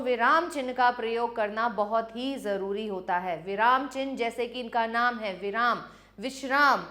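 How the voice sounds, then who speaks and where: A woman with a fairly high voice gives a grammar lesson to schoolchildren. She explains each point patiently, step by step, and stops to put questions to the class. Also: fairly bright tone. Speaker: teacher.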